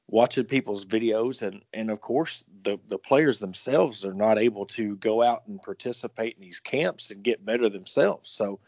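A man's voice: lowish voice, a little mellow. A man talking sports casually as a commentator, in a rambling, folksy way. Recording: roomy, echoing, muffled audio.

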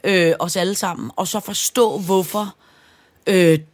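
A middle-aged woman, mother of a teenager, co-hosting a podcast, rambling and stumbling over her words in casual chat. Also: lowish voice. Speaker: podcast co-host.

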